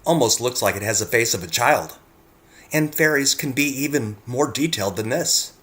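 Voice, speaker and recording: In a mid-range, slightly bright voice, a man narrates a scripted presentation of his photographs at normal speed. He sounds expressive and earnest, addressing the viewer directly.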